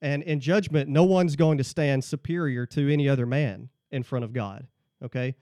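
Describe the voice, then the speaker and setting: A man's voice: medium pitch, normal speed, warm tone, no room sound. Man explaining scripture, checking "okay?". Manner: explains point by point, tags lines with "okay?". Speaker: guest. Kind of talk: casual faith discussion.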